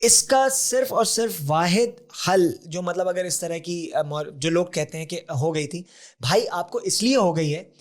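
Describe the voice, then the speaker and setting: Earnest and explanatory, this podcast guest, a health advocate in his 40s, sprinkles English terms into his talk during a conversational interview. He speaks unhurriedly in a voice that sits high.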